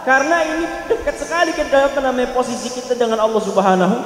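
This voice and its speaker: A man's voice: extremely high pitch, expressive, fast talker. Male preacher, earnest direct sermon delivery, heavy room echo. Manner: earnest, addresses listeners directly. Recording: roomy hall with long reverb.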